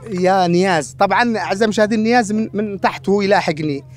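A man with a Yemeni accent hosting a street game show, teasing passersby and echoing their words back. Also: sits high. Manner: brisk, teasing, echoes guests' words. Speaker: host. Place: outdoors on a town street.

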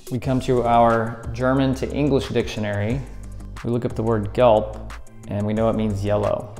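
His voice is medium in pitch with a dark tone. He's a man in his thirties hosting an escape room tutorial, a friendly how-to where he explains step by step and handles props at an indoor table against a plaster wall.

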